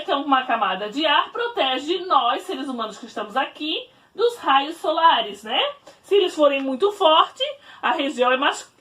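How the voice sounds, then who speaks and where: This recorded remote class comes from a woman teacher at home in her bedroom, her high, animated voice picked up from a little away from the mic. Warm and didactic, she talks slowly to the children and keeps tossing in "né?".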